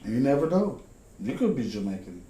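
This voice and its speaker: A man from the Caribbean telling his story in an oral history interview, lively and often leaping up in pitch. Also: fairly quick. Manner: animated, jumps high in pitch when telling stories. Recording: roomy with faint ambience.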